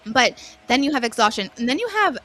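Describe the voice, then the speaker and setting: A woman's voice: a little high, big pitch swings, fairly quick, bright, forceful tone. Earnest woman coaching on stress. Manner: earnest, faith-based coaching tone. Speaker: wellness guest. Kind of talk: conversational radio interview.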